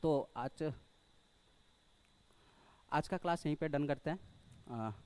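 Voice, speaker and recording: A man's voice: on the high side, slow pace, a little mellow, clean tone. A man teaching a spoken lesson, hesitant and full of filler sounds, who keeps checking in with the class and calls his listeners brother. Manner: checks in often with rhetorical questions, addresses listeners as brother. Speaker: English teacher.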